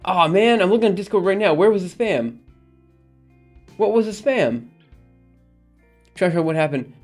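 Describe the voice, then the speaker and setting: His voice sits high with lively intonation and a normal pace, backed by soft music. The Alabama streamer keeps things casual with his viewers, rambling, reading the chat aloud to respond, and filling the gaps with ums and laughter.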